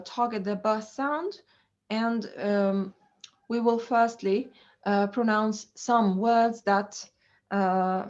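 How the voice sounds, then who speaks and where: A woman teaching an English pronunciation lesson, speaking slowly and deliberately with many fillers. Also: mid-range voice, a little mellow. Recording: dull lo-fi recording.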